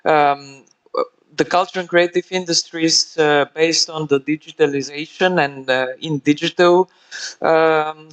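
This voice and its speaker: A man speaking on a conference panel, halting with many fillers and restarts. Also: a little high, clean tone, rough recording. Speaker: panel speaker on creative industries. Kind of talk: panel discussion.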